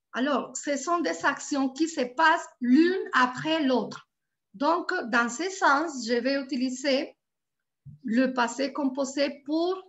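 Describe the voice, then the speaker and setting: Patient high-voiced woman teaching French. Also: a bit bright, muffled recording. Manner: patient, repeats words slowly and checks for understanding. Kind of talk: live online class teaching grammar.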